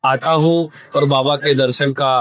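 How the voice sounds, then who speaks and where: A man from central India, a devotee answering questions in a street interview in a calm, measured way. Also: medium pitch, dry recording, rough recording. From Madhya Pradesh.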